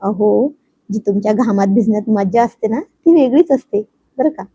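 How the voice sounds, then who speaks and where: A woman's voice: medium pitch, moderate pace, warm tone, breathy edge, no echo, dull audio, natural voice. A woman voicing a bashful young wife who scolds her husband in a romantic story. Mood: scolding.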